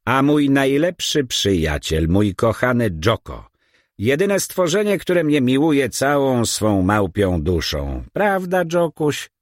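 A man voicing a suspicious, cunning old baron of about sixty with a squeaky, croaking voice in an audiobook. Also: very animated, takes it slowly, no room sound, clean studio sound. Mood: cheerful. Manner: suspicious, sly questioning. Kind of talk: audiobook character voice.

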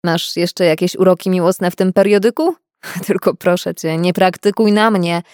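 Lady reading a cheeky guy doctor in an audiobook, loud and teasing, dry recording. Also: on the low side, steady tone, moderate pace, no echo, close to an everyday voice. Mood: mocking. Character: mocking young male doctor, a teasing prankster.

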